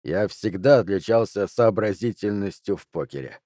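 A cool, unflappable card sharp with a low, quiet, measured delivery, voiced by a male audiobook reader. His tone is dark and mellow, recorded dry and close. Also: no echo, close to an everyday voice. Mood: cold. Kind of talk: audiobook character reading.

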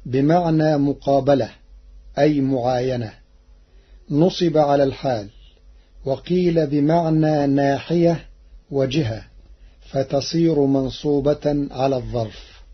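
Slow husky man explaining verses. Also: medium pitch. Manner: deliberate, quotes verses in a slower half-chanted tone. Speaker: radio presenter explaining Quran reading variants. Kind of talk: slow measured scholarly explanation with quoted verses. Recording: dull lo-fi radio recording.

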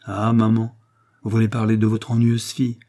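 A man's voice: on the low side, monotone, normal speed, warm tone, natural voice. A man voicing an affectionate young woman coaxing her mother tenderly, in an audiobook reading.

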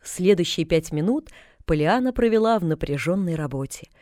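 A woman narrating a storybook aloud in a calm, even storytelling manner. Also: lowish voice, normal speed, no room sound, studio quality. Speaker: audiobook narrator. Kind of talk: scripted narration.

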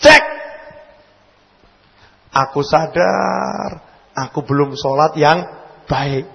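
A man preaching a sermon in with a tinge, swinging between loud calls and quiet asides and questioning his audience. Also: fairly high pitch, drawn-out words, creaky, highs cut off. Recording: long hall reverb.

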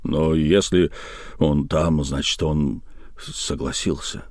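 A man's voice: a little slow, darkish tone, no room sound, studio quality, natural voice. Man doing a muttering, worried old sailor. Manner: low, muttering. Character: worried older male sailor friend.

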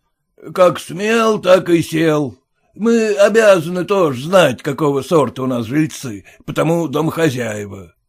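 Man doing a drawling, boorish merchant landlord. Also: a little high. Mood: condescending. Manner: slow, drawling, condescending. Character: coarse, tipsy old-fashioned merchant landlord, overbearing.

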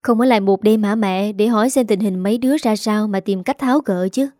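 A woman's voice: medium pitch, brisk, mellow, no echo, clean studio sound, natural voice. A woman reading the part of a worried middle-aged son who talks in an earnest, pleading way.

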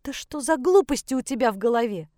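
A woman's voice: on the high side, animated, quick pace, dark tone, dry recording, clean studio sound, pitched above the performer's own voice, lightly acted. A woman voicing a desperate mother pleading with her teenage son, in an audiobook. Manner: pleading, frantic, tearful.

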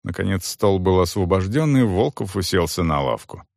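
A man reading a story aloud as narrator in a measured storytelling manner. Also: deep voice, animated, vocal fry, darkish tone, no room sound, clean studio sound. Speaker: audiobook narrator. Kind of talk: scripted narration.

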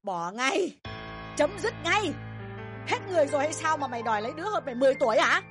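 A bossy middle-aged mother in an audio drama, her high voice leaping up and down as she berates her son in fast tirades, a woman acting her out. The scolding never lets up. Faint music plays underneath. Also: very animated. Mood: furious. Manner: shrill, bossy, rapid tirades.

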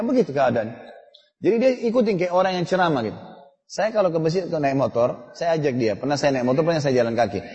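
A middle-aged man preaches and tells family stories in a conversational way, talking straight to his listeners. His voice sits a little high but sounds warm and mellow. A long reverb trails his words, as if he were in a large hall. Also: lo-fi sound. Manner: conversational storytelling, addresses the audience directly. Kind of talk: Islamic sermon with personal stories.

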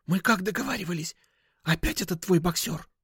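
Man doing a hissing middle-aged woman dealer, hushed whisper, high pitch, snappish and nervous, dry close sound. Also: lively intonation, normal speed, breathy edge, dry recording. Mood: nervous snapping. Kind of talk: audiobook character voice.

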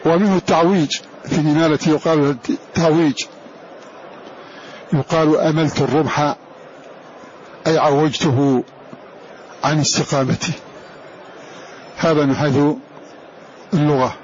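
Man lecturing slowly, repeating each term. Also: on the high side, fairly even intonation, a little mellow. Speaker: Quran recitation teacher. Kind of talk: classroom lecture. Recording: dull lo-fi recording with faint hiss.

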